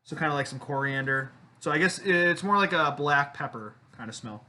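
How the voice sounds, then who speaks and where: Bright-voiced casual male beer reviewer. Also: a little high, animated, normal speed. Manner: chatty, self-deprecating, with fillers. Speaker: beer reviewer, channel host.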